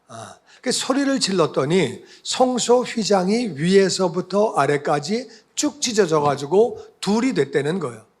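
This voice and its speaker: A man's voice: sits high, slightly rough. A male pastor giving a conversational sermon, often asking the congregation questions.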